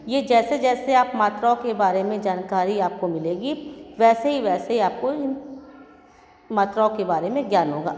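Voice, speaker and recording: A woman teaching a primary school Hindi lesson, patiently spelling words out letter by letter. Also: a little high. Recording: echoey room with long reverb.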